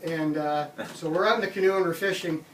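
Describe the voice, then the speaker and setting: A middle-aged man from Canada casually telling a funny camping story, animated and laughing often. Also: on the high side, a little fast, a little hiss or hum. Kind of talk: casual spoken anecdote. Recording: roomy, distant mic with background ambience.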